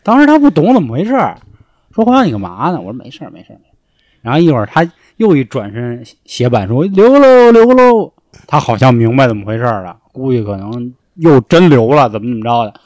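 Young guy telling stories, swears a lot, pitch jumps all over, super dry close mic. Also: quick pace, no echo. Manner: animated, swears freely, acts out shouts in the story. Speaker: storyteller guest. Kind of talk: casual storytelling chat.

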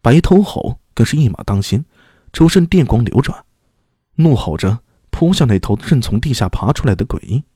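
Husky, animated male audiobook narrator. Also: medium pitch, normal speed, dry recording, studio quality. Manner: dramatic storyteller, animated delivery. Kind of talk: serialized fantasy audiobook narration.

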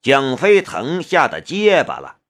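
A man narrating an audiobook with expressive storytelling. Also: mid-range voice, a little slow.

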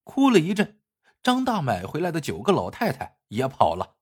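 A man telling a folk tale with a lively storyteller's cadence. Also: on the high side, moderate pace, breathy edge.

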